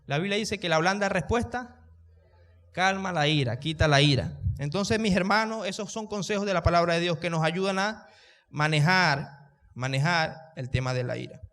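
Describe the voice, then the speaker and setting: A man's voice: high-pitched, moderate pace, a bit bright, big-room sound. A male pastor, preaching a sermon, raising his voice so the room can hear him and putting questions to the congregation. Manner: raises his voice to reach the room. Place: church.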